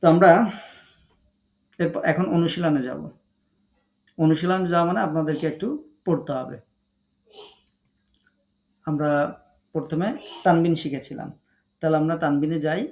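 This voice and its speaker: Male recitation teacher, fairly high gravelly voice, patient and coaxing with online students. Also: steady tone, a little mellow. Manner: patient, coaxing, repeats syllables slowly. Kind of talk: online class, calling on students to read.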